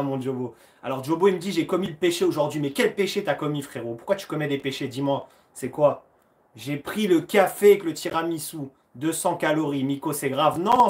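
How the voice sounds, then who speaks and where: A man hosting a casual live Q&A stream as a karate coach, chatting in a friendly way and greeting viewers by name. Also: mid-range voice. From France. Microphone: phone.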